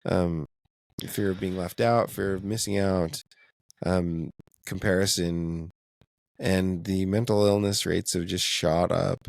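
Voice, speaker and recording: A man's voice: deep voice, fairly even intonation, slow, creaky, dry recording, studio quality. A man co-hosting a casual faith podcast, talking in a thoughtful, hedging way and laughing often. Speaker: podcast co-host.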